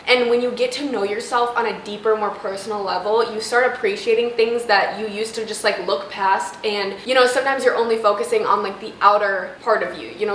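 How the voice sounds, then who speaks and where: Young woman, casual vlogger, informal girl-talk manner, roomy echo, faint background noise. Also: mid-range voice. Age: young adult. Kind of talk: casual chatty vlog, giving advice. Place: indoors at home, downstairs near a running oven.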